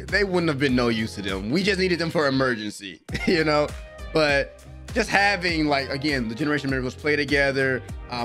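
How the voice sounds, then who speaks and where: A young American man hosts an anime reaction, his high voice fairly bright as he delivers casual, emphatic, slang-heavy commentary. He wears a headset and speaks close to a desk microphone in a small room at home.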